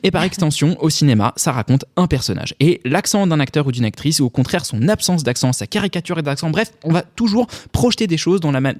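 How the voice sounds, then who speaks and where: A man's voice: on the high side, expressive, fairly quick, few pauses, a little mellow, dry recording. Impassioned man on a dry studio mic. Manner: impassioned, swears for emphasis. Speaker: film critic columnist. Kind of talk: scripted opinion segment.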